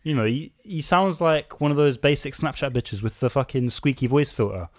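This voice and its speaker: A man's voice: mid-range voice, normal speed, no echo, studio quality. A man bluntly criticizing songs in casual podcast chat. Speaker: album reviewer.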